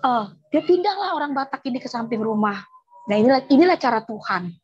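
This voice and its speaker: A woman telling her personal religious testimony in an animated, emotional way, on a dull lo-fi recording. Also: sits high, fairly quick, breathy edge. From Indonesia. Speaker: testimony giver.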